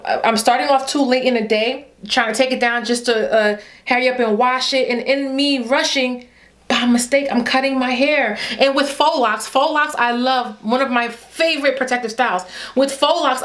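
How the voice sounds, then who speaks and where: Woman, from Haiti, thirties, hair vlogger, casual chat, animated, fairly high voice. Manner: chatty, animated, talks straight to viewers.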